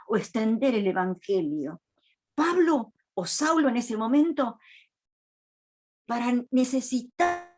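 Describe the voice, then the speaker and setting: A woman's voice: high voice, darkish tone. A woman preacher giving a sermon in a church, retelling a Bible story in a reflective, earnest way.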